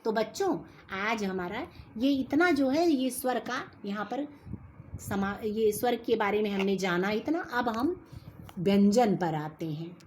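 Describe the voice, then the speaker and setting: A woman teaching a school grammar lesson, speaking slowly and carefully and answering her own questions. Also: medium pitch, lively intonation, slight background noise.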